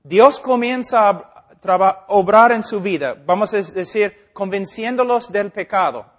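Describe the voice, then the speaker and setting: High-voiced man preaching in Spanish. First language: English. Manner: halting Spanish with self-corrections, checking listeners understand. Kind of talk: informal teaching sermon.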